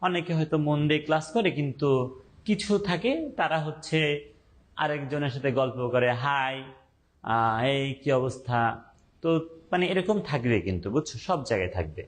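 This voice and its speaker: A young man teaching an online class, speaking slowly and deliberately, repeating points and quizzing his students. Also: fairly high pitch, animated.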